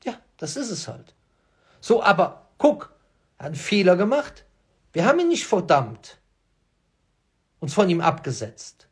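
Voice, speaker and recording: A man's voice: high-pitched, very animated, unhurried, long pauses, husky. A man hosting his own channel, addressing viewers in an emphatic monologue, repeating key phrases and firing off rhetorical questions. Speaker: host.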